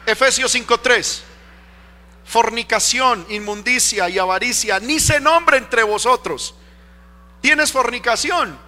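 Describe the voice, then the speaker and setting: A man's voice: extremely high pitch, slow, pushed and bright. A man preaching a sermon as pastor, emphatic, with rhetorical questions to the congregation. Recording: long reverb of a church hall. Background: faint music.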